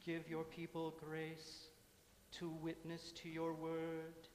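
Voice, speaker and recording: A man intones a slow litany in a single unchanging line, his slightly high voice barely moving. Long reverb fills a large church around him, with faint ambience behind. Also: a little hiss or hum. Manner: slow, measured, monotone intoning. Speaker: worship leader. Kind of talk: chanted litany prayer. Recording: echoey hall, mic from afar.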